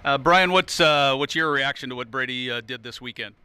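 A man's voice: medium pitch, bright, forceful tone, smooth. A man hosting a televised bowling tournament, interviewing players and presenting trophies with an upbeat manner. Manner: upbeat, quick to laugh. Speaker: TV sports host.

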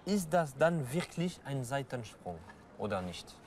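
A man in his thirties asking naive, leading questions with a deadpan manner in an outdoor street interview, held on a boom mic. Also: measured pace, slight background noise. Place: outdoor pedestrian street and market. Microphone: handheld boom mic with fluffy windshield.

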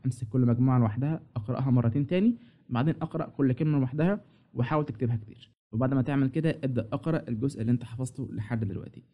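A man's voice: on the high side, warm tone. A man with an Egyptian Arabic accent giving a direct, instructive lesson with study tips, speaking straight to the viewer. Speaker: English teacher.

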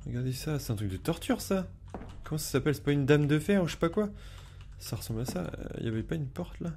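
A man's voice: a little high, lively intonation, quick pace, darkish tone, a little hiss or hum. A man giving casual let's play commentary, informal and hesitant as he thinks aloud. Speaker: let's player.

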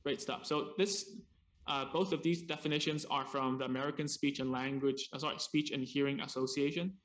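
A man presenting a seminar as a speech therapist, explaining in short chunks over a video call and pausing for an interpreter, with casual asides. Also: medium pitch, fairly even intonation, fairly bright tone. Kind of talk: seminar talk paused for interpretation.

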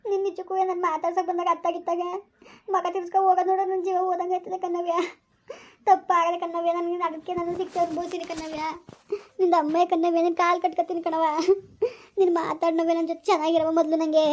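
A woman's voice: very high-pitched, level tone, fast. A woman acting a remorseful village stepmother who begs her stepdaughter to forgive her, in an amateur family drama. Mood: tearful. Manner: pleading, repetitive, rural colloquial speech.

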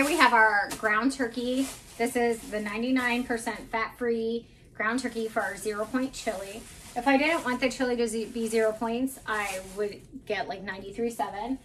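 A woman's voice: on the high side, fairly bright tone, distant mic, a little hiss or hum. A woman in her thirties chatting casually and candidly through her groceries in a home kitchen. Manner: chatty, candid, self-deprecating asides. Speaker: vlogger. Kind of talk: casual grocery haul chat. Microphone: camera mic at a few feet.

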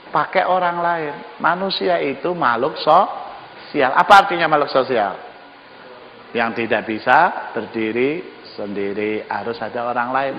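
Joking pastor preaching in a reverberant church hall. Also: male voice, on the high side, creaky, muffled recording. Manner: lively and joking, with colloquial asides. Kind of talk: sermon. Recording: echoey church hall, faint noise.

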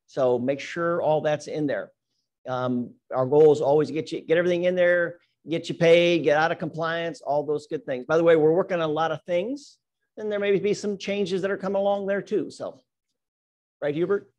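A man's voice: fairly high pitch, fairly even intonation, normal speed, darkish tone. A man leading an office team meeting, reading announcements and birthdays in an upbeat, teasing way with many "right?" asides. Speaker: meeting leader.

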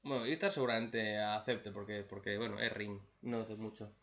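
A man giving a profane, mocking casual recap of an anime episode, mimicking characters in shrill voices. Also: steady tone, moderate pace, fairly bright tone, highs cut off. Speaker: anime reaction youtuber.

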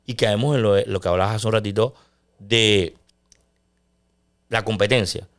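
A middle-aged man, a sports commentator talking loudly and intensely in a casual interview. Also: fairly low pitch, moderate pace. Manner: loud, intense delivery.

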